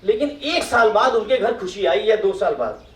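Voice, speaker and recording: High-voiced man addressing an audience. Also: animated, moderate pace. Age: middle-aged. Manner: asks the audience questions and acts out their replies. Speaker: speaker at a professional meet. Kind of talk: motivational talk to an audience. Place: meeting hall with audience. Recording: echoey hall, mic from far off.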